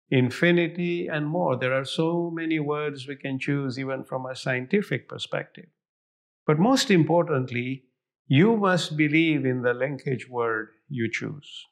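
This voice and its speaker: A man leading a guided meditation in a calm, soothing, unhurried manner with long pauses and a gravelly fry in his voice. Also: fairly high pitch.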